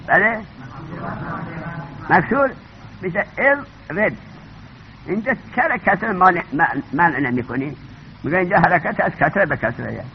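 A male teacher gives a classroom lecture on grammar. He often stops to question his students and repeats the main points, and his high voice rises and falls a lot. The recording is dull and lo-fi, with a faint hiss underneath.

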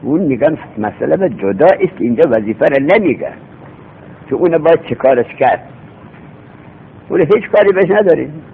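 A man's voice: expressive, vocal fry, long pauses. A man teaching a seminary grammar lesson, explaining patiently and repeating himself, asking rhetorical questions. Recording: tinny phone-like recording with faint rumble.

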